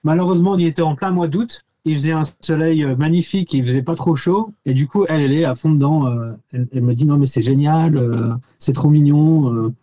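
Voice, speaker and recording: A man from Nancy, France, an expatriate living in the United States, chats casually as a podcast guest, telling anecdotes in slangy, informal language and often searching for words. His voice is fairly high in pitch with a dark tone, and he talks a little fast with hardly any pauses.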